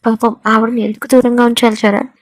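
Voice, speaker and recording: A woman's voice: fairly high pitch, level tone, quick pace, no room sound, rough recording. A woman narrating a romance story, reading all the characters' lines in her own voice.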